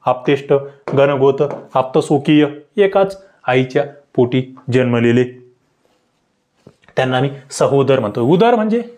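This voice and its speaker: A man tutoring for government job exams, explaining grammar questions to viewers with rhetorical questions and sharp upward leaps in pitch on key words. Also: fairly even intonation, measured pace. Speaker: exam-prep tutor. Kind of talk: online grammar lesson.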